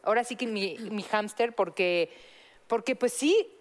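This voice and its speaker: A woman hosting a talk show, who speaks reflectively and keeps steering the talk back to its subject. Her medium-pitched voice carries a long reverb tail. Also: measured pace. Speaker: host. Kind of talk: casual chat.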